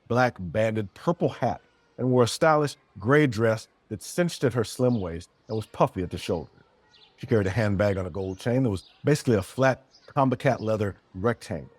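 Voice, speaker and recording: A man narrating a fantasy story in a steady, descriptive way. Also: medium pitch, dry recording.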